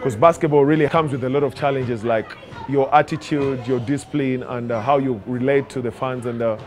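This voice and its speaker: A man coach in a documentary interview, relaxed and explanatory about the game. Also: medium pitch, fairly quick, crowd noise, background noise.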